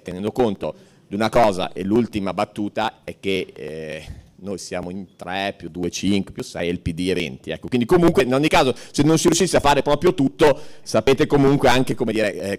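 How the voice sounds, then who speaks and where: Rambling low-voiced man giving a speech. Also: lively intonation, a little mellow, slight background noise. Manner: halting, many fillers and restarts, wry asides. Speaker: newly elected city councillor addressing an assembly. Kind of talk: informal political speech.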